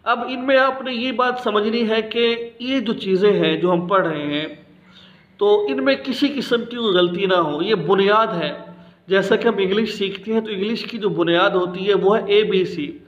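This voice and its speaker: A man in his thirties gives an alphabet lesson for Quran reading, explaining patiently and drawing out each letter slowly so it can be repeated. His voice sits high for a man. The recording rings in an echoey room and sounds slightly dull and muffled. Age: 30s. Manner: slow, drawn-out letter pronunciations for repetition. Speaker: Quran teacher.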